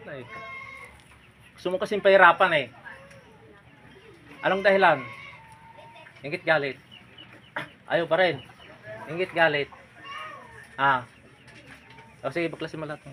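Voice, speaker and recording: A man's voice: a little high, measured pace, long pauses, bright, forceful tone, a little hiss or hum. A man working as a folk healer, firmly and insistently questioning a spirit during a healing ritual. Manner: commanding, insistent, repeatedly prodding with "ha?".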